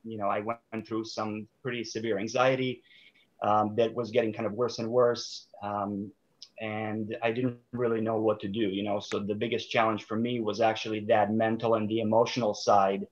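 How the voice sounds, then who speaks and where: A man's voice: on the low side, level tone, moderate pace. A man from Serbia in his thirties, a sport psychologist guest speaking thoughtfully with many fillers and restarts over a video call. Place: small room indoors. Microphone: video call webcam. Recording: dull lo-fi call audio.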